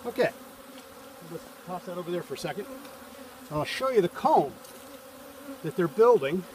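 In casual how-to narration, a hobby beekeeper wearing a bee suit and veil walks through a beehive check step by step, calm as he works on a farm. His voice sits high at a normal speed, recorded by a camera a few feet away outdoors, with buzzing bees and slight background noise.

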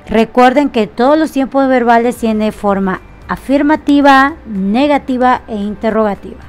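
Slow, patient high-voiced woman teacher. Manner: patient, slow, repeats each example with frequent "ok?" checks. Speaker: English teacher. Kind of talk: explaining grammar rules to students.

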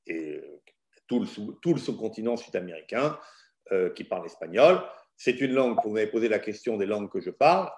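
A middle-aged man, a law professor and arbitrator, giving frank, opinionated answers to student questions in an online session. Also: mid-range voice. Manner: frank, opinionated, lively explanations.

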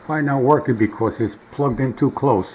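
Speaking a little fast at medium pitch, a middle-aged man rambles and mutters through a casual demonstration of a vintage gadget. The setting is a wooden table at home, and the home camera audio is dull and noisy.

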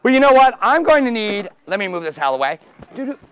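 Fast, very animated, and high-voiced, a middle-aged magician entertains seated kids in a children's library room, with background noise in the clip. Playful with his young volunteers, he stays theatrical and exuberant, often raising his voice.

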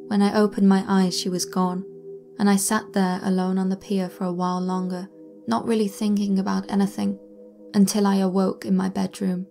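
A woman narrating a true paranormal story in a soft, slow, somber way, sometimes sinking to a whisper. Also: mid-range voice, little pitch movement, vocal fry, faint music behind. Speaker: channel narrator.

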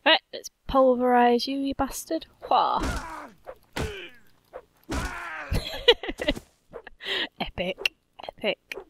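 A woman's voice: on the high side, expressive, extremely slow, pauses often, slight background noise. A woman giving casual gameplay commentary, playful, cheerfully swearing and humming to herself. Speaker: gaming channel host.

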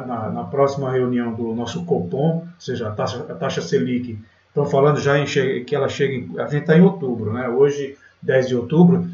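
A Brazilian man with a mid-range, slightly mellow voice hosts a day trading channel, chatting over a screen recording of market charts. His screen-share commentary is loose and full of fillers, with "galera" and "né" popping up constantly. The audio is roomy, distant and dull, like a lo-fi mic.

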